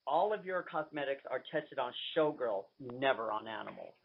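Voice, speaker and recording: A man's voice: mid-range voice, expressive, moderate pace, vocal fry. A man hosting a radio interview over the phone, gushing, flamboyant and enthusiastic. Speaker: radio host and drag queen. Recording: tinny phone line.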